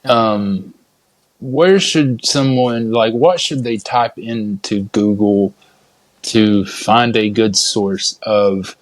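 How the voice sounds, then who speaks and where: A man's voice: fairly low pitch, very slow, no echo. A man hosting a podcast in a casual, conversational style. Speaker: podcast host. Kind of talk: casual chat.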